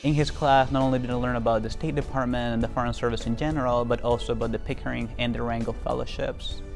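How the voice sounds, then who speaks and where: A man's voice: mid-range voice, level tone, fast talker, gravelly, soft background music. A young man from Venezuela giving an interview about his work as a diplomat, talking earnestly with many fillers and restarts. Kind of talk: casual interview talk.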